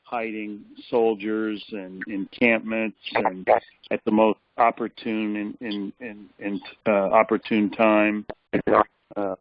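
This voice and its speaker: A tired man on a phone call, reporting on a meeting in a flat, hesitant way with many fillers. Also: fairly low pitch, no room sound. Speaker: caller giving a meeting report. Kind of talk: casual chat. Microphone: telephone. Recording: dull phone line.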